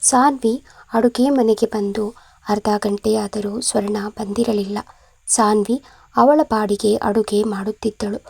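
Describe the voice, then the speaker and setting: A woman storyteller giving scripted narration in a steady, measured way. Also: mid-range voice, creaky, breathy edge, dry recording.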